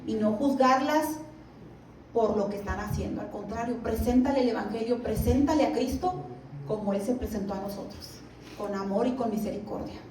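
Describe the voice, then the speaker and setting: A high-pitched woman teaches a Bible lesson in a church hall. She reads scripture at a slow, careful pace and keeps checking in with her listeners. The recording is roomy, picked up from a distance with faint noise behind her. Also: warm tone. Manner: reads scripture slowly, asks the listeners "¿verdad?". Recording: echoey room, mic at a distance, faint background noise.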